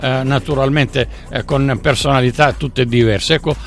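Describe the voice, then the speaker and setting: A man hosting a conversational interview, speaking informally in halting phrases with repeated words. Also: mid-range voice, steady tone. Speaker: radio interviewer.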